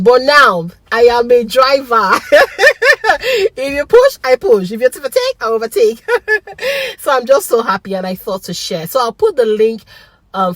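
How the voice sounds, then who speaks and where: A woman, vlogging a lively personal story in an excitable, animated way and laughing often. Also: fairly high pitch, no echo. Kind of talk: casual storytelling vlog.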